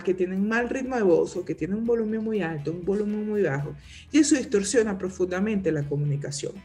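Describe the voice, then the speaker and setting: A woman's voice: mid-range voice, a little mellow. A woman trainer giving an informal lecture on leadership communication, explaining points and checking in with the audience with frequent questions.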